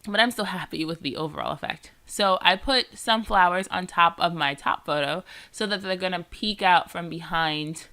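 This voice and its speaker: This vlogger, congested and nasal from a cold, describes her scrapbooking casually in a lowish, sharp voice. She talks at a normal speed with few pauses, rambling and leaning on "like" and "um."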